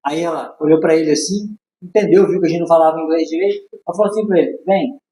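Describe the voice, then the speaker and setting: On the podcast as a guest, he talks fast in a voice on the high side, his Brazilian Portuguese accent coloring a casual story he tells with animation, acting out lines and laughing. The recording has an echoey room sound.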